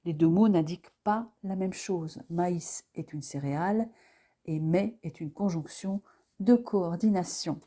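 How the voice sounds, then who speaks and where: A woman teaching French pronunciation, explaining accents and sounds slowly and carefully, with occasional hesitations. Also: fairly low pitch, dark tone. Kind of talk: pronunciation lesson.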